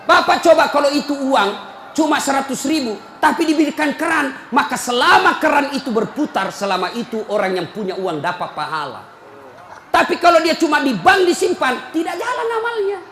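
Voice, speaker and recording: High-voiced preacher shouting in an echoey hall. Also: male voice. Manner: teasing, scolding, often breaking into shouts. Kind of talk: humorous sermon to a congregation. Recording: echoey hall, faint crowd and noise.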